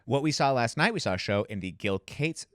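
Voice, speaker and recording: A man's voice: medium pitch, lively intonation, brisk, no room sound, studio quality. A man hosting a theatre podcast, chatting with enthusiasm and gushing about the shows. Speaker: podcast host, theatre reviewer. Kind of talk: casual chat.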